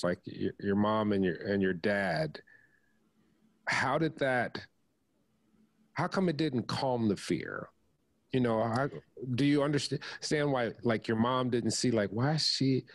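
A man's voice: mid-range voice, no room sound. Man hosting, rambling questions. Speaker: interview host. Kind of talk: interview conversation.

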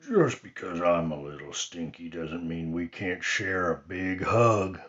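A man voicing a big, sleepy, friendly bear who talks low and slow, in a storybook reading. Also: lively intonation, a bit bright, lo-fi sound.

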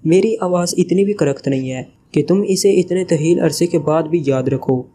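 A man's voice: on the high side, normal speed, warm tone, a little hiss or hum, close to an everyday voice. A man reading the part of a sly, joking male spy leader in a teasing, evasive way.

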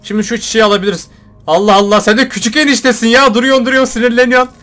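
A young man commentating his own gameplay, joking and shouting at the game characters. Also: very high voice, steady tone, racing, soft background music. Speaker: gaming YouTuber. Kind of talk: let's play commentary.

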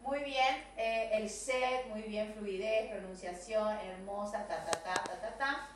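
A woman teaching English to young children in an online video class, speaking Argentine Spanish and drilling sentences slowly. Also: medium pitch, steady tone. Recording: distant echoey room recording with faint noise.

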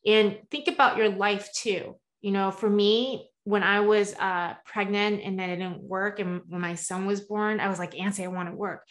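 A woman in her forties, born in the US and partly raised in Taiwan, speaks as a guest coach over a video call from a room at home. Her medium-pitched voice moves at a moderate pace with few pauses as she earnestly shares her story, gesturing animatedly and adding frequent "right?" asides.

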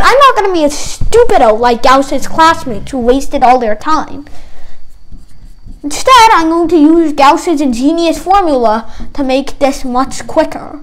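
A woman's voice: sits high, rough recording. A woman tutoring math in a playful, teasing way, dropping jokey asides between the steps. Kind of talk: comedic math lesson.

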